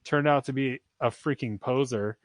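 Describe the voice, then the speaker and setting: A man's voice: medium pitch, normal speed, dry recording. A man hosting a podcast in casual chat, informal and slangy, with a mid-range voice. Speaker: podcast host.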